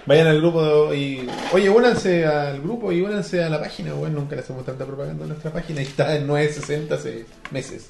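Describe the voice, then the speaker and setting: A man's voice: fairly high pitch, a little fast, gravelly, hardly any pauses, noisy background. A man with a Chilean accent hosting a podcast in casual, joking banter full of slang. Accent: Chilean Spanish. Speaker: podcast host. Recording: roomy echo, faint music.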